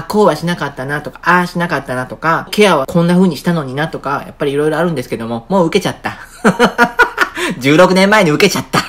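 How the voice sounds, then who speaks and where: A woman vlogger chatting casually to camera, playful and laughing often as she talks. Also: sits low.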